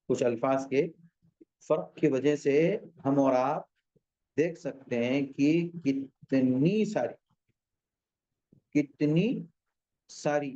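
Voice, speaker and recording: A man leads a tajweed lesson, stretching out each word before he patiently points out common errors. His voice sits a little high for a man but sounds mellow, and he speaks slowly and steadily. The recording is dull and lo-fi. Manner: models recitation by drawing out words, then explains; patient, corrects common mistakes repeatedly. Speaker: Quran recitation teacher.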